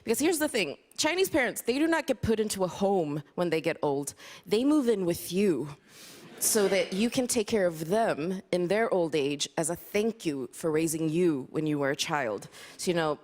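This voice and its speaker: A woman from Sweden performing a stand-up comedy set on a live stage, with a dry, self-deprecating delivery full of small hesitations. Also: fairly low pitch. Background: faint audience laughter and applause.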